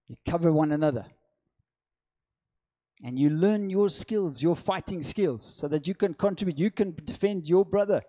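A middle-aged man preaches into a handheld microphone on stage in a church hall before a seated congregation. His voice sits on the high side with a dark tone, and he's emphatic, repeating short phrases and drawing out stressed words.

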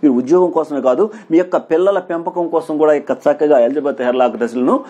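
A man in his thirties gives an exam-prep lecture. His voice is a little high and husky. He drills points by asking questions and answering them himself. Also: fast, mellow. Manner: repeats key points as quiz questions and answers; stresses points with "very, very important". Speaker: teacher.

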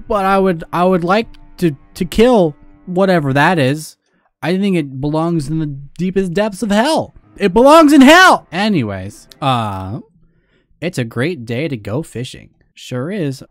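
Brief: excitable male let's-player, fairly high voice with wild swings, goofy and profane, commentating a horror game. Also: no echo. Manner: excitable, goofy, swears often, plays with silly words. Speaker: gaming video creator.

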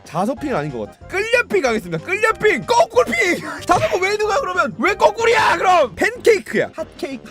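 A gaming YouTuber hosting a guessing game in casual commentary, joking around with sudden shouted outbursts. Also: high-pitched. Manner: animated, joking, bursts of shouting.

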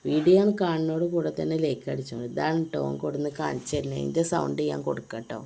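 A woman's voice: low voice, steady tone, fast talker, gravelly, warm tone. A woman with a Malappuram Malayalam accent, chatting casually to viewers in a home family vlog. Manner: chatty, addresses viewers with frequent tag words. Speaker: family vlogger.

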